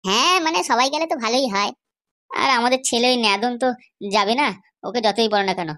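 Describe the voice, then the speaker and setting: A woman doing a comedy cartoon, in a chatty and persuasive manner. Her voice is fairly high and she talks fast. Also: expressive, pushed and bright. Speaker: cartoon voice actor.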